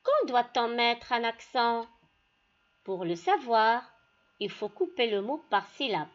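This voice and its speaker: A woman teacher walks pupils through a lesson at a slow, careful pace. Her voice sits a little high and moves through a wide, lively range of pitch. The recording is dull and lo-fi. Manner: slow, deliberate, addresses pupils directly. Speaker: primary school teacher. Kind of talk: classroom lesson.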